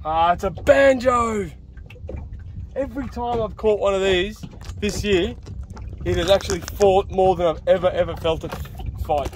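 This fishing vlogger, a young Australian guy, speaks in a high voice at a measured pace with long pauses. His commentary is casual and colloquial, delivered from a small open boat out at sea, and the open-water recording carries plenty of noise.

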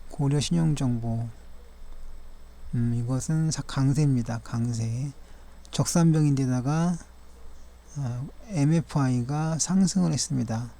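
A man narrating a daily stock chart review in a measured, formal and polite way, pausing with fillers and correcting himself as he goes. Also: medium pitch, gravelly, dark tone.

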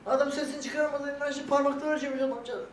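A woman's voice: high voice, little pitch movement, very fast, far from the mic, crowd noise. An older woman in casual, emotional chat who is tearful and laughing by turns and quotes the people around her. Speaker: vlog guest talking about her illness. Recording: echoey room picked up from afar, faint background noise.

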